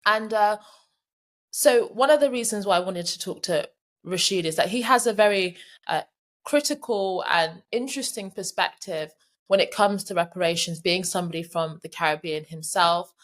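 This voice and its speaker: A woman's voice: medium pitch, normal speed, a bit bright. A woman hosting a podcast interview, introducing her guest and asking questions with many hesitations and fillers. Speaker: podcast host.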